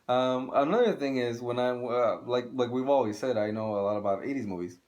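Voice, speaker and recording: A man's voice: medium pitch, a little fast, darkish tone. A man co-hosting a video channel, ranting casually and bluntly, swearing and repeating himself for emphasis. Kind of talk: casual opinion rant.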